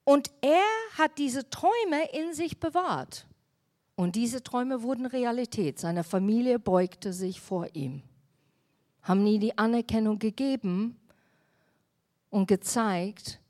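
A woman's voice: mid-range voice, warm tone. A woman pastor giving a sermon, speaking emphatically and putting questions straight to the congregation. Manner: addresses the congregation directly with questions.

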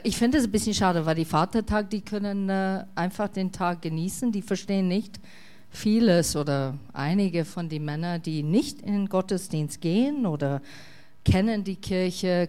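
Halting woman pastor, casual sermon. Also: on the low side, a little mellow. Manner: casual, halting, with frequent fillers.

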